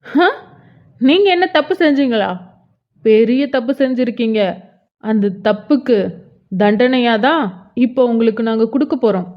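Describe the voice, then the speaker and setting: A woman's voice: a little high, moderate pace, pauses often, close to an everyday voice. A woman voicing a cruel, mocking robber in a cartoon who taunts the tied-up family. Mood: menacing. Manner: sneering, taunting. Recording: dull lo-fi sound.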